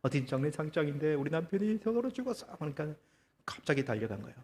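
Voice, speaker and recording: A man preaching a sermon as pastor, telling a story with lively, acted-out quotes and rhetorical questions to the congregation. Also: fairly high pitch, fast talker, long reverb tail. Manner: animated storytelling, acting out quoted voices. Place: church.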